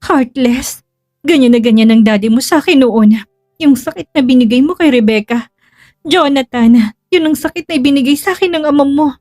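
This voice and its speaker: A woman's voice: high-pitched, moderate pace, a little mellow, dry recording, clean studio sound, soft background music, pitched above the performer's own voice. A woman voicing a heartbroken, stern middle-aged mother who accuses her son through tears, then turns cold and firm. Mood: tearful, accusing. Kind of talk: dramatic storytelling.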